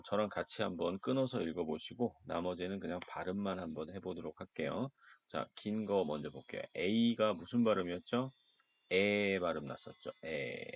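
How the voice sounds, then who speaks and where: A man's voice: low voice, no room sound. A man teaching beginner English pronunciation, patiently breaking words apart and repeating each one twice. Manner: patient, repeats each word twice, coaxing listeners to follow along. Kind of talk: beginner lesson, slow step-by-step explanation. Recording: dull, lo-fi sound.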